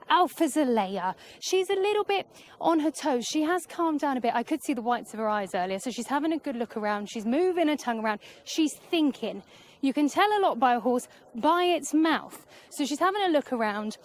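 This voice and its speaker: A woman paddock reporter gives a live outdoor report on the horses in the parade ring. Her voice sits high, and she is a touch out of breath as she walks. She talks in a chatty, assessing way.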